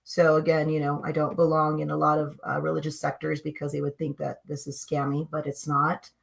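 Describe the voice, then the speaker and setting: A woman guest telling personal spiritual stories in an animated, emphatic way, swinging between hushed and loud. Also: low-pitched, a little fast, gravelly. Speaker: guest sharing spiritual experiences. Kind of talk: conversational storytelling.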